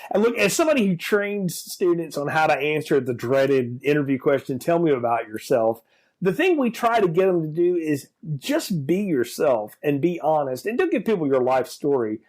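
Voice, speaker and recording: A man co-hosting a film podcast, chatting casually and expressively with quick asides. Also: fairly high pitch, expressive, darkish tone. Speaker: podcast co-host. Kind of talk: casual film review chat.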